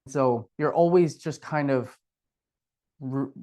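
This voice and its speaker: This middle-aged man speaks slowly in a warm, medium-pitched voice. Co-hosting a casual podcast, he reflects openly on his past and doesn't mind making fun of himself.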